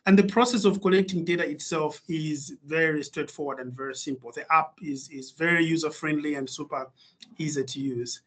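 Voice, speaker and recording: Malawian man, guest webinar speaker, slightly high voice, halting and filler-heavy, video-call audio. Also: fairly bright tone. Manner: hesitant, many fillers and restarts. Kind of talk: webinar presentation.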